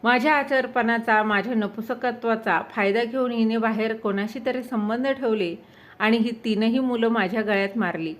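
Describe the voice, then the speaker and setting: Storybook role: woman reading a brooding, bitter father, harsh with his children; fairly high voice. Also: normal speed, natural voice. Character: cold resentful wealthy husband and father.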